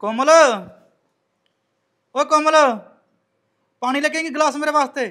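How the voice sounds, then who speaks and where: A man's voice: very high-pitched, fast talker, a bit bright. A man playing a young husband and son who asks what is wrong in the household. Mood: concerned. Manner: questioning, concerned. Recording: music under the dialogue.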